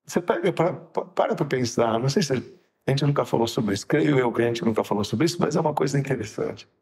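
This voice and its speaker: A man, a rabbi chatting casually on a podcast. He tells stories with energy and jumps up into high, shouted voices when he acts out what people said. His voice sits at an ordinary middle pitch for a man. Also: fast. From Brazil. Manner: lively storyteller who acts out dialogue with sudden high shouts.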